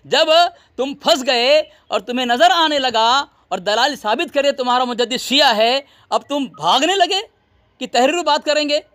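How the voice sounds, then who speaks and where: Commanding man in a debate, mocking and firm, very high, sharp voice, dry close sound. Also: expressive, normal speed, dry recording. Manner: commanding, demands silence, mocking. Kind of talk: heated religious debate addressing listeners.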